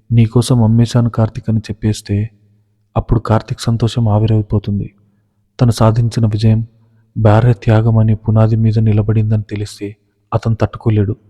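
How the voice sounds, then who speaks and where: Flat, dark-voiced male storyteller. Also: lowish voice. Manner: even, measured storytelling. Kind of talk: scripted narration. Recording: reverberant, dull lo-fi recording.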